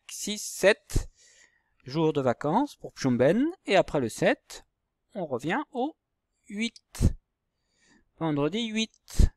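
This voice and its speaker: A man's voice: fairly high pitch, no echo, clean studio sound. A man teaching a lesson to young pupils, patiently spelling out letters and syllables. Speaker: primary school teacher. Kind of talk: recorded handwriting and reading lesson for young pupils.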